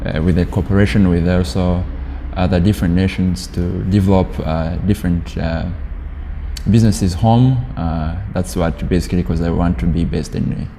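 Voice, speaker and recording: A young man in his twenties from Rwanda, answering interview questions. He speaks haltingly, with many pauses and fillers. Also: low-pitched, fairly even intonation, warm tone. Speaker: university student interviewee. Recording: reverberant space with faint noise.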